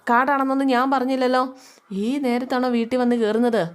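A woman's voice: sits high, little pitch movement, fast, clean tone, pitched above the performer's own voice, close to an everyday voice. A woman voicing a grumpy older man who scolds and fires off indignant questions.

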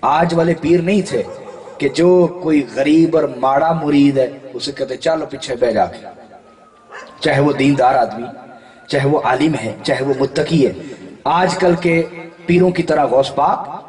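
A man tells sermon stories with animated delivery, dropping to a hush and then rising to a shout. His fairly high voice carries through a long-reverb hall, with the mic set far from him. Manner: animated, swings between hushed and shouted. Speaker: preacher. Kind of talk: sermon storytelling.

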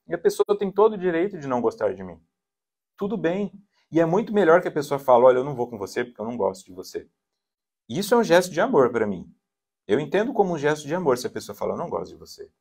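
Animated man giving a lecture. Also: mid-range voice. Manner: animated, acts out quoted voices with shifting tone. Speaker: psychologist giving a spiritist talk. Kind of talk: lecture at a spiritist center.

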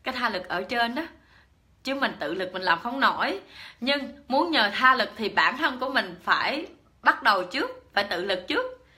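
A woman's voice: a little high, expressive, normal speed, sharp tone. A middle-aged woman with a Southern Vietnamese accent giving a personal Buddhist dharma talk, chatty and full of fillers and repetitions as she speaks straight to her listeners. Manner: chatty, lots of fillers and repeated words, addresses listeners directly.

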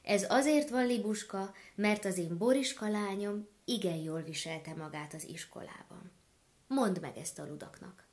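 A woman voicing a calm, kindly farmwife who patiently explains things in a storybook tale. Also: medium pitch, natural voice.

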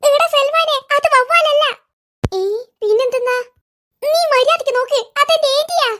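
A woman voicing chattering, curious young schoolboys in a cartoon, with quick excited kid talk. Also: very high-pitched. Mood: startled.

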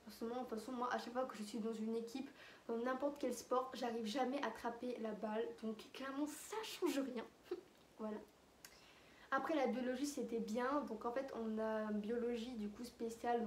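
A woman's voice: a little high, steady tone, a little fast, darkish tone, slight background noise. A teenage girl chatting casually to her viewers, full of fillers and asides. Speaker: vlogger. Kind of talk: casual chat to camera. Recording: echoey room with faint ambience.

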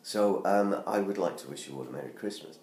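In a homemade promotional clip, a middle-aged British man talks up his book from his living room, a Christmas tree nearby. His deep voice is rasped by laryngitis, expressive and fairly quick, peppered with ums and restarts. Captured at close range on a tablet camera, the audio carries a roomy home feel and faint noise.

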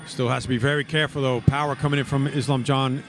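A man's voice: medium pitch, flat delivery, quick pace. A man giving live, analytical sports commentary as a fight commentator.

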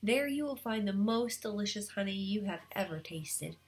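A woman's voice: medium pitch, expressive, moderate pace, close to an everyday voice. A woman voicing a clever, polite young girl with a sweet, teasing way of talking in a storybook read-aloud.

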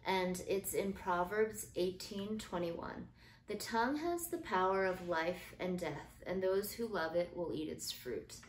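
A woman's voice: fairly low pitch, lively intonation, unhurried, slight background noise. Earnest woman talking in an echoey room. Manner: earnest, gentle, uses fillers like um. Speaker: podcast host. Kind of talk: casual faith-based parenting talk. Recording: echoey room with faint ambience.

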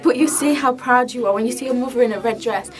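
A woman reads a mother convinced fame is finally coming, pushing each line with animated insistence. Her voice sits high, and other people's chatter runs behind the take. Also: quick pace, natural voice. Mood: proud, excited. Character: excited middle-aged mother dreaming of fame. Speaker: auditioning actress. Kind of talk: audition reading.

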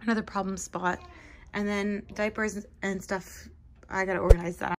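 A woman's voice: medium pitch, little pitch movement, moderate pace, a little mellow. A young woman in late pregnancy, chatting casually as she shows items one by one in a vlog. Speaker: vlogger. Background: background music.

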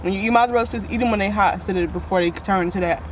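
A young woman in her twenties chatting casually in a car, telling a relaxed story with her mouth partly full of fries. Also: mid-range voice, racing, low-quality recording. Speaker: vlogger answering viewer questions. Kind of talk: casual chat over food. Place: inside a car. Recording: outdoor traffic noise around a car.

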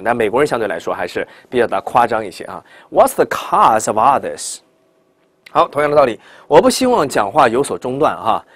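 A man teaching English pronunciation in Chinese, demonstrating words slowly and loudly and having students repeat after him. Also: mid-range voice, no room sound. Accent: Mandarin Chinese speaking English. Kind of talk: classroom lesson.

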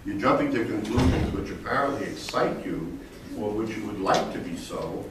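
A man with a lowish voice answers a resident at a town meeting. He is defensive and lawyerly, and he circles back over the same denials. The recording is distant and very echoey, with steady room noise under it. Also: moderate pace. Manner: defensive, lawyerly, repeats himself while rebutting. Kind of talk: public meeting exchange. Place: large echoey public meeting hall.

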